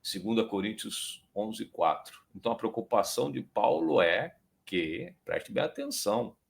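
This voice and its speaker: Brazilian male preacher, chatty Bible teacher, lively and expressive intonation. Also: lowish voice, gravelly. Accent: Brazilian Portuguese. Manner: conversational, frequent tag questions, slows down to read scripture. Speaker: preacher, program host.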